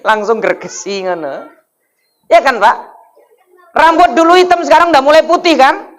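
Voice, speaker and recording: Guy preaching, high voice, cracks jokes and keeps asking the crowd. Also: sing-song, a little slow, a bit bright. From North Sumatra, Indonesia. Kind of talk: humorous sermon. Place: mosque.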